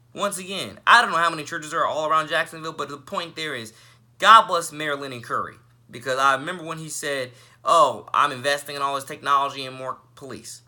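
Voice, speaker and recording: Young man ranting with bright, lively pitch. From Northeast Florida, United States. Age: young adult. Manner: emphatic, repeats "ladies and gentlemen", anchor-like delivery. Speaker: vlogger. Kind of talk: passionate preachy rant to camera.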